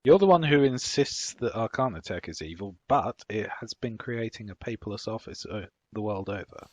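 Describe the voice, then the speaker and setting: A man's voice: on the low side, lively intonation, moderate pace. A man playing a tabletop game, teasing and arguing his point in casual chat. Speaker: player.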